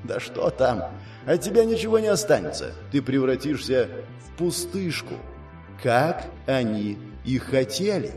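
A sinister disembodied voice inside a mind, played by a male narrator, pressing and bargaining. It drops soft and low, then snaps sharply, always insinuating. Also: big pitch swings, a little slow, far from the mic, soft background music. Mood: menacing.

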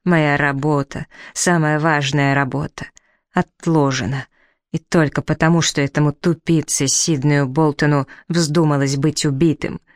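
Man doing a raging, shouting old professor. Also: on the high side, steady tone, a little slow, dry recording, studio quality, lightly acted. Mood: exasperated. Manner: shouting, furious, exasperated. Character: hot-tempered shouting elderly male professor.

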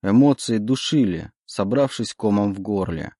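A man narrating a dark fantasy audiobook in a steady, measured way. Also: fairly low pitch, no echo, studio quality.

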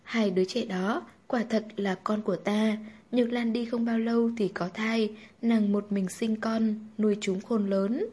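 A woman reading the lines of a young marquis who speaks gently to his mother. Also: mid-range voice, steady tone, a little slow, breathy edge. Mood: gentle. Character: noble young man, a marquis, dutiful son.

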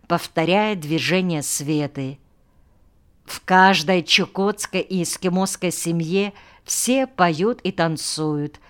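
Slow, smooth-voiced woman narrating a book. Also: lowish voice. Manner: calm, even storytelling. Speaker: audiobook narrator. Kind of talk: scripted narration.

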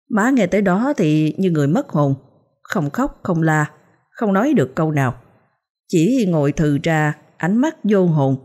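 Husky-voiced storyteller. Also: female voice, low voice, warm tone. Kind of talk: first-person ghost story narration.

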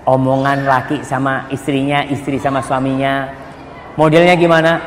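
A middle-aged man preaching a sermon, telling lively stories, acting out quoted voices and reciting Arabic sayings slowly. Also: mid-range voice, a little hiss or hum. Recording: echoey hall with faint ambience.

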